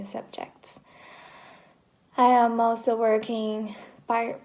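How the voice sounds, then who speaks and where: A woman's voice: medium pitch, vocal fry, darkish tone. A woman in her early twenties from Brazil with a Brazilian Portuguese accent, introducing herself in a hesitant, casual vlog. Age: 20s. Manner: hesitant, with fillers and restarts. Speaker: vlogger.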